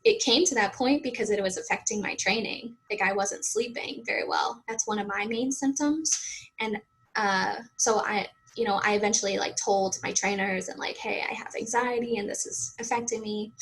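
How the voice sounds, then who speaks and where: A woman with a Boston-area accent talks as a guest on an interview show. She speaks in an open, honest, casual way, full of fillers and restarts. Her pitch sits in the middle range. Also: fairly bright tone, breathy edge, poor audio. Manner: open, chatty, many fillers. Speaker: fitness coach guest.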